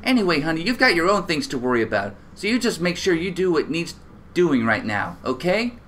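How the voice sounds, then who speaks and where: A man putting on a sassy, motherly barkeep woman with a raised, lively voice. She drawls and calls everyone honey. Her voice swings up and down as she talks. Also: fairly high pitch, fairly quick, a little hiss or hum. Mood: warm teasing.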